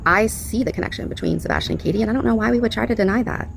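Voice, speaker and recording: This commentary host talks rapid-fire about clips in a high-ish voice with vocal fry, casual and strongly opinionated, relying on repetition and rhetorical questions. A little hiss or hum is audible.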